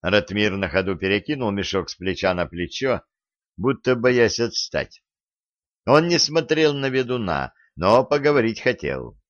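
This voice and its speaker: A man narrating an audiobook in an expressive storytelling manner. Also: fairly low pitch, unhurried, no echo. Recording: dull lo-fi recording.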